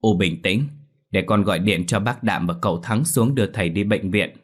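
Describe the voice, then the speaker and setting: A man's voice: lowish voice, normal speed, close to an everyday voice. A man voicing a worried daughter. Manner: anxious, hushed urging. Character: worried middle-aged daughter.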